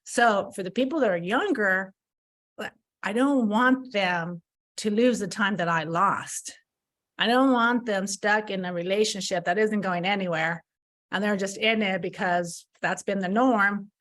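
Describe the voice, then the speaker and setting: Speaking at a measured pace in a mid-range, slightly bright voice, a fifty-something woman opens up on a podcast about her past errors. She often restarts her sentences, repeating words, in a frank, conversational interview.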